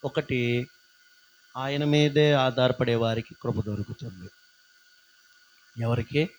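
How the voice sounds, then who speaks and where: A man's voice: medium pitch, slow pace, a little hiss or hum, rough recording. A man pastor preaching a live sermon, singing refrains and calling out questions to the congregation. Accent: Telugu.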